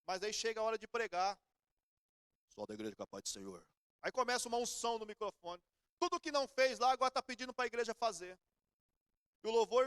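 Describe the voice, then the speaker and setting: A man's voice: very high-pitched, fairly bright tone, clean tone, dry recording, studio quality. A middle-aged Brazilian man preaching a sermon in church, telling everyday stories in a conversational way. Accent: Brazilian Portuguese. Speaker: pastor.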